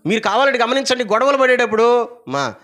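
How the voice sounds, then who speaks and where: A man with a high-pitched voice preaches with animated energy at a church service. He leads his listeners in call-and-response, pressing them to say the verse louder. His delivery swings from forceful cries to quiet asides. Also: brisk. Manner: animated preaching, prompts the congregation to repeat verses aloud; swings between loud emphatic lines and low asides. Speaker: pastor. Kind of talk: sermon.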